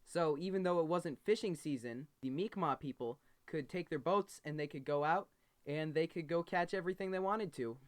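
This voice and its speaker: Sitting at a computer desk in his bedroom, a man hosts a homemade news explainer, telling the story in a casual, simplified way. His voice is slightly high, and he speaks at a normal speed.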